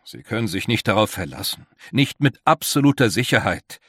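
A man's voice: on the low side, big pitch swings, moderate pace, fairly bright tone, husky, no room sound, studio quality, full character voice. A man voicing a grave, worried older male leader who speaks in an earnest, emphatic way.

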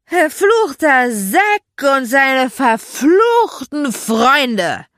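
A woman reading an audiobook, voicing a shrill, foul-mouthed, tipsy woman who shrieks and drags out her words. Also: big pitch swings, no room sound, studio quality, full character voice. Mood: drunken slurring. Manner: shrieking, drawn-out and sharp-tongued.

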